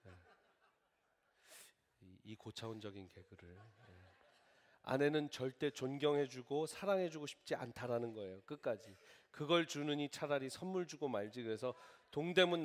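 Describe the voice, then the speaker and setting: A male pastor preaching a sermon, lively and acting out little scenes of dialogue in different voices. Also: medium pitch, moderate pace. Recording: long reverb of a large church hall.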